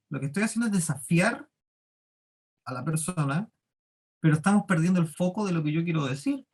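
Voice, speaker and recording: A man with a Chilean accent teaches a leadership class. He explains step by step and keeps putting questions to the class. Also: fairly high pitch. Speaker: workshop teacher.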